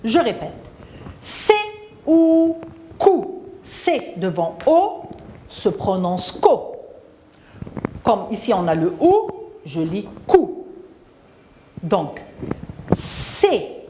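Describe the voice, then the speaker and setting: Slow, sing-song woman teacher. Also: very animated, mellow, slight background noise. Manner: slow, drawn-out syllables sung up high, then drops low to praise. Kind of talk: televised reading lesson for children.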